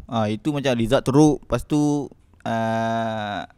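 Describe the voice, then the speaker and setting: A man's voice: mid-range voice, measured pace, mellow, clean tone, no room sound. Young malaysian guy chatting on a podcast, rambly and self-mocking, clean dry sound. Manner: rambling, self-mocking storytelling with repeated restarts. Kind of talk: casual chat.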